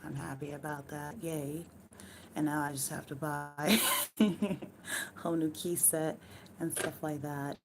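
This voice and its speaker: A hoarse woman with a worn-out voice chatting casually to her live-stream viewers from home, rambling loosely and swearing now and then. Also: low voice, steady tone, a little slow, background noise.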